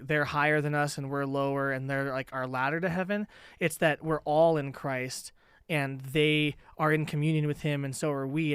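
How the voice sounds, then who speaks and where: A man's voice: a little high, smooth, dry recording, studio quality. A man hosting a casual interview, talking thoughtfully and often checking in with "right?". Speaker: podcast host.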